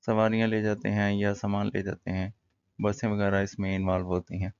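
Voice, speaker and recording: Male teacher, relaxed explainer, gravelly low voice, muffled lo-fi sound. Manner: relaxed, explains in Urdu with English terms, many fillers. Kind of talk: casual classroom-style lesson.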